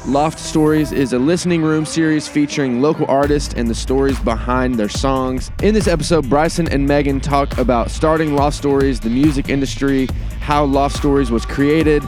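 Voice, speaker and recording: A man hosting a podcast, upbeat and quick to affirm his guests. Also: mid-range voice, over music. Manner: upbeat, affirming with many "yeah"s. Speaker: podcast host. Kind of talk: casual podcast interview.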